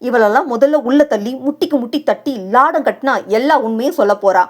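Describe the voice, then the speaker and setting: A woman's voice: high voice, a little fast. A woman voicing a fiery jealous young wife. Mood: angry. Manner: fiery, scolding, teasing her husband. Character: quick-tempered young wife, a jealous lawyer.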